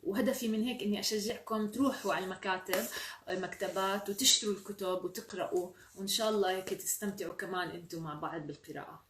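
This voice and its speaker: A woman's voice: mid-range voice, very fast, slight background noise. A woman with a Levantine Arabic accent hosting a children's storytime, chatty and encouraging. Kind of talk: reading aloud to children. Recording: roomy sound from a distant mic.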